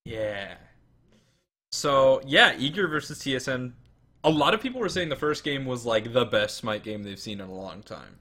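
A man's voice: mid-range voice, animated, moderate pace, sharp tone. A man who coaches an esports team, chatting casually on a podcast, sarcastic and swearing freely. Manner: sarcastic, swears, laughs often.

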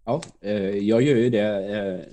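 Casting: male podcast co-host, warm mid voice, hesitant, dry anecdotal delivery. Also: lowish voice. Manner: hesitant, many fillers, dry storyteller. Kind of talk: casual storytelling.

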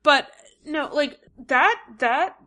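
Bright-voiced woman, sarcastic and heated. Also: high-pitched, takes it slowly. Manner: sarcastic, heated, quotes characters in dramatic asides. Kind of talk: casual chat.

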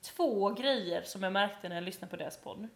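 A woman's voice: mid-range voice, creaky. A woman co-hosting a podcast in casual chat, joking and blunt and swearing freely. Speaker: podcast co-host. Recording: roomy echo.

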